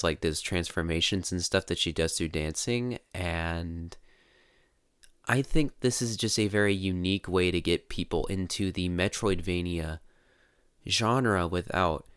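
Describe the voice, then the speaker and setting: A man's voice: low-pitched, a bit bright, clear, resonant tone, dry recording, clean studio sound. A man with a stuffy, nasal voice, telling a rambling story about his first game with frequent restarts. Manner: rambling, self-correcting. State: nasal from allergies. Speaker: fan sharing a game story. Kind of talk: casual recorded monologue.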